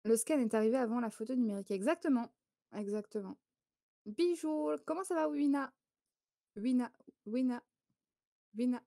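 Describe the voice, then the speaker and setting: A woman from France runs a casual photo quiz for a live-stream audience. Her voice sits slightly high and sounds close and dry with no room behind it. She chats loosely, laughs often and keeps breaking off to greet viewers. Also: moderate pace, gravelly, long pauses, warm tone, dry recording.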